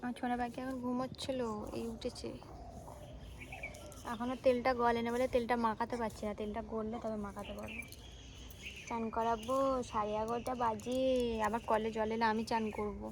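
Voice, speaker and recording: A woman's voice: fairly high pitch, level tone, moderate pace, pauses often, noisy background. A young woman chatting to the camera while looking after her baby at home. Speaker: vlogger and mother. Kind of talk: casual home vlog talk. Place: family home and rooftop.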